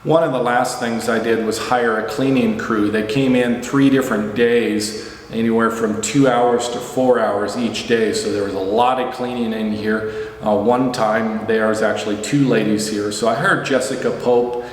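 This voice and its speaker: A man's voice: mid-range voice, fairly even intonation, moderate pace. Man giving a very echoey house walkthrough. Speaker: property owner and video host. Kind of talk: casual walkthrough narration of a house tour. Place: indoors in an empty house. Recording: very echoey empty house, faint noise.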